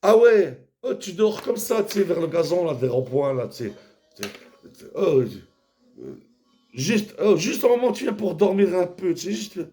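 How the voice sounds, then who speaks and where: A man rambling in a casual, vulgar monologue, jumping between mumbles and shouts. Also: high-pitched, big pitch swings, a little slow, faint music behind.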